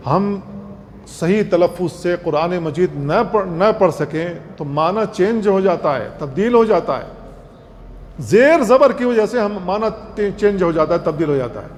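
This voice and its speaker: A male Islamic scholar giving an earnest religious lecture, repeating points and slowly demonstrating recitation. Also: sits high, lively intonation, a little mellow. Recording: long hall reverb, faint noise.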